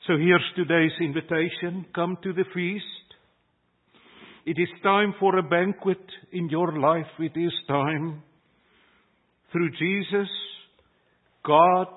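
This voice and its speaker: The audio is narrow and tinny, carrying a high-voiced older man from South Africa who grew up speaking Afrikaans. As a pastor, he preaches an earnest, emphatic sermon in South African English that swells on key phrases.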